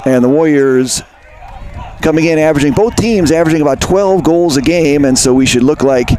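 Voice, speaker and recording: A man doing live play-by-play commentary for a high school lacrosse game, chatty and conversational, often correcting himself. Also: a little fast, mellow, some chatter behind, a little hiss or hum. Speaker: play-by-play announcer. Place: outdoor high school field.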